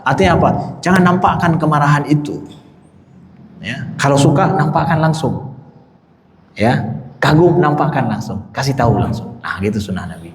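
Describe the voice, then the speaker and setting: A man's voice: a little high, moderate pace, long pauses, slight background noise. Man preaching in an echoey mosque. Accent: Indonesian. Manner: animated, rising emphasis, repeats phrases, addresses the congregation. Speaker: ustadz giving a mosque lecture. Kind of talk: sermon with Q&A. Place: large mosque hall.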